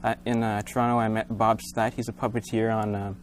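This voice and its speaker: A man speaking as a puppeteer guest in a casual interview, with hesitant, halting phrasing. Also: fairly low pitch, level tone. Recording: noisy room ambience.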